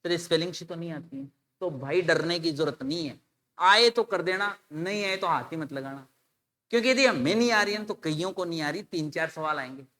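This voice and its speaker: Bright-voiced man teaching spelling. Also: a little high, fairly quick. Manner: explains in Hindi mixed with English terms, spells words letter by letter; addresses students casually as "bhai". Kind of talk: exam-solution video lecture.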